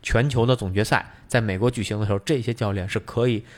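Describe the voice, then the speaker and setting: A man's voice: lowish voice, steady tone, quick pace. A man co-hosting a podcast, explaining things at length in casual chat, with many fillers. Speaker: podcast co-host.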